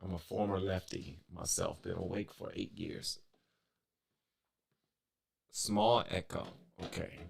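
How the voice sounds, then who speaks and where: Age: adult. Sex: man. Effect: robotic, metallic glitchy audio. Pitch: very low, gravelly. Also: flat delivery, slow pace, long pauses. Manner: laid-back, says y'all. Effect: robotic, metallic-sounding audio glitch. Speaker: live-stream host. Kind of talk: casual live-stream chat.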